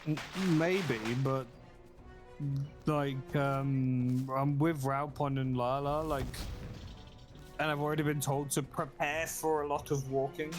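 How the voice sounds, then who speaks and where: A man's voice: medium pitch, flat delivery, takes it slowly, faint music behind. A man from the United Kingdom streaming a game, bantering with crude, teasing jokes. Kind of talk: casual banter while gaming.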